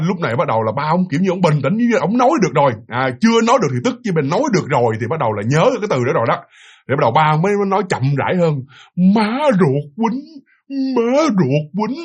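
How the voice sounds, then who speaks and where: A man's voice: fairly high pitch, breathy edge. A man with a Southern Vietnamese accent telling a ghost story casually, talking to his listeners with many fillers. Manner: animated, filler-heavy, addresses listeners.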